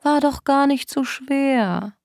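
A woman voicing a controlling young man in an audiobook, speaking slowly and menacingly, breaking into shouts. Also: low voice, little pitch movement, no echo, studio quality. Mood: falsely tender. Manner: slow, menacing, bursts into shouting. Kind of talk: audiobook dialogue.

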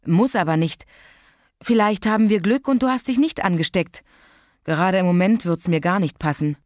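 A patient young mother who speaks calmly and teases gently, as a woman reading a story voices her. Her voice sits a little low and even. The sound is dry and close. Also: normal speed, no room sound, close to an everyday voice. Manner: calm, matter-of-fact, gently teasing.

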